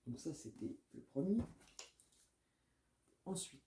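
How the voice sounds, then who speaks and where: A woman chatting casually about her new books as a book vlogger, often pausing with filler sounds and reading blurbs aloud. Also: low voice, animated, dark tone.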